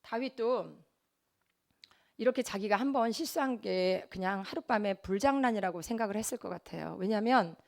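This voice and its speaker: A woman's voice: medium pitch, moderate pace, gravelly, darkish tone. A woman sharing an earnest, confessional testimony as part of a church sermon. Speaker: lay preacher giving a testimony.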